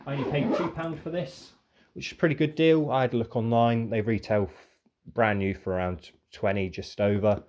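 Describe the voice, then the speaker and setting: A man's voice: mid-range voice, steady tone, a little fast, a little mellow. A young man chatting casually about his bargain finds, rambling and thinking aloud. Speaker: vlogger reviewing car boot sale finds. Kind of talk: casual show-and-tell.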